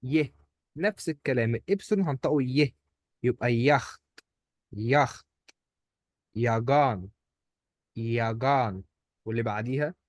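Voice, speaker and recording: Male tutor, Egyptian accent, mid-pitched, patient drill style, dry recording. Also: moderate pace, long pauses, dry recording. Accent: Egyptian Arabic. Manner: patient, drills words by repeating them. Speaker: German language teacher. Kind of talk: one-on-one pronunciation lesson.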